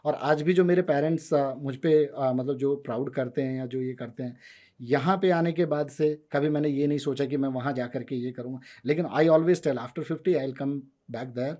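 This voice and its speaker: A man in his thirties from India, a guest telling his story in a relaxed conversational way, switching between Hindi and English. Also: mid-range voice, normal speed. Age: 30s. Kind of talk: casual conversational interview.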